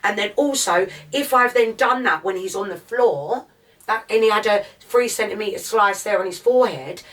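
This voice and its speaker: A woman with an Essex accent talks as a podcast guest, reliving events in a rapid present tense. She swears freely and gets fired up. Her voice sits a little distant from the microphone, in the middle of a woman's range. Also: mid-range voice, fairly bright tone. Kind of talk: casual interview, recounting events.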